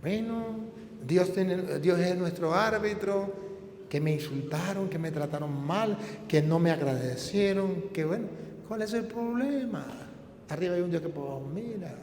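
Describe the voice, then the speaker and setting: A man with a Colombian accent, a priest preaching a sermon with rhetorical questions, moving between hushed asides and loud appeals. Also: sits high, measured pace, slight background noise. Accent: Colombian Spanish. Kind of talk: sermon and Bible teaching. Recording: echoey hall with faint room ambience.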